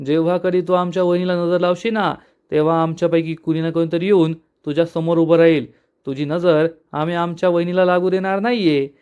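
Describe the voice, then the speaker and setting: A man voicing a cheeky, protective younger brother in a retold story, bold and teasing, with a smooth voice. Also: fairly high pitch, little pitch movement, a little fast, darkish tone, dull audio, close to an everyday voice. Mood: defiant.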